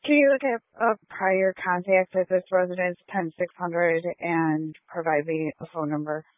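A man's voice: high voice, steady tone, normal speed, dry recording. A man speaking as a police officer calling in over radio, procedural and precise. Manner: procedural, spells out letters and numbers. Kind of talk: police radio call-ins. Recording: narrow, muffled two-way radio transmission.

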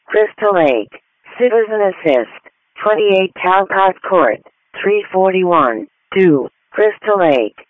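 A man reading formulaic emergency dispatches over a phone-like radio channel in a measured, procedural way. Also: high-pitched, lively intonation, no echo.

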